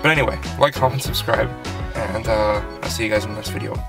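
A young vlogger from Canada talks quickly in a lowish voice over music, rambling casually with many ums and restarts. He starts inside a small car and later heads out to a snowy lakeside parking lot.

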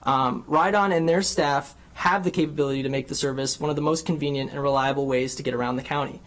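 A young man seated in a large council chamber, giving earnest prepared testimony into a desk microphone, often pausing on ums and uhs. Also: mid-range voice, fairly even intonation, fairly bright tone. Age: young adult. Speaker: public hearing speaker, bus rider. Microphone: desk microphone on a stand.

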